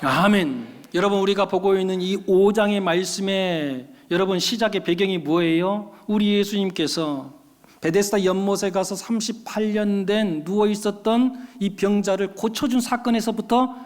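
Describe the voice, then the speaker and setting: A man's voice: sits high, normal speed. A male pastor preaching a sermon, speaking with animation and asking the congregation rhetorical questions. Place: church sanctuary. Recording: long hall reverb.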